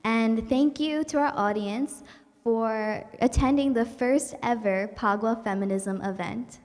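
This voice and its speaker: A woman's voice: a little high, measured pace, darkish tone, big-room sound. A young woman from New York hosting a virtual community event, speaking in an earnest, upbeat and welcoming way. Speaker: event host. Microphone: livestream setup.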